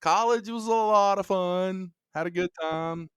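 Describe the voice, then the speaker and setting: His voice sitting high and smooth, the Alabama man chats casually on a podcast with animated storytelling, full of restarts and filler words. The sound is dry and studio-clean.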